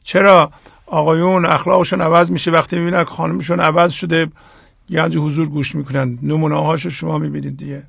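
A man hosting the show, speaking to listeners in a slow, deliberate way and stressing key phrases. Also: a little high, flat delivery, gravelly, a bit bright, husky, dry recording, clean studio sound. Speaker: host. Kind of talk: reflective talk to listeners.

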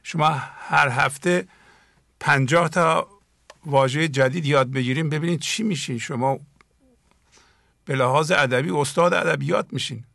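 A man hosting a call-in program who teaches and warmly encourages his callers. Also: a little high, vocal fry, long pauses, no room sound, studio quality. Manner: encouraging, praises callers often. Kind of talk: teaching talk and phone call-in.

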